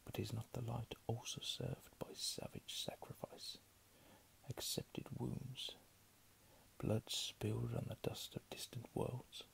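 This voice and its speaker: A man reading under his breath in a hushed ASMR whisper, with casual murmured asides. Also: mid-range voice, flat delivery, creaky, rough recording. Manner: slow, hushed delivery. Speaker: ASMR reader.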